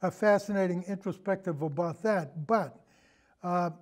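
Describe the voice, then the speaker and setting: A high-voiced older man speaks at a moderate pace, chatting casually about old memories. He tends to hesitate and wander into digressions. He's on as a guest, an amateur historian and old time radio podcaster.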